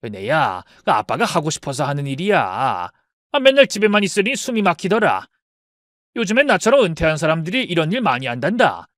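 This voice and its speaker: A man's voice: a little high, sing-song, fairly quick, fairly bright tone, dry recording. A man playing a stubborn, cheery retired dad. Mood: coaxing. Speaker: father in a narrated story. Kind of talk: dramatized story dialogue.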